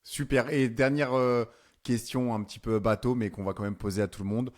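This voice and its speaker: A man with an accent from France, interviewing fighters in a casual, upbeat way with quick short affirmations. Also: medium pitch, fairly even intonation. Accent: French (France).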